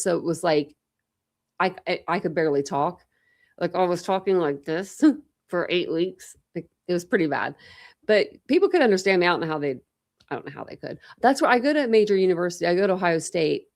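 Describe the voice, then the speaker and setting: This true crime livestream host is a young woman whose voice sits lowish with a darkish tone and a slight lisp. Chatty and rambling, she talks casually with viewers and replies to what they post in chat.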